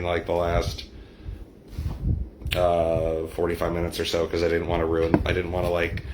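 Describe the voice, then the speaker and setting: Deep-voiced rambling middle-aged man. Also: fairly bright tone, slight background noise. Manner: rambling, discursive. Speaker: livestream host and poet. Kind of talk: casual chat with live viewers.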